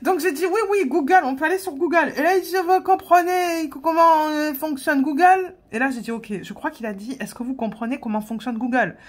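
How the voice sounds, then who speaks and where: A woman with a high voice chats through a story while crafting. She laughs often, and she hesitates and restarts as she talks. She sounds like a relaxed vlogger talking straight to her viewers. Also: fast, few pauses, breathy edge.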